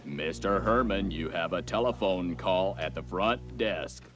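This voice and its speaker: A man imitating a soft hotel lobby paging announcement, playing a calm front-desk announcer with a slow, formal delivery. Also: low voice, voice pushed down.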